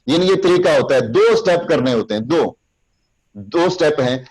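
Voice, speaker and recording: A man's voice: a little high, lively intonation, a little mellow, rough recording. A man lecturing a class on public speaking, explaining step by step how to use hand gestures and speaking straight to his students. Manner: recites sample lines in a raised, slow, emphatic voice.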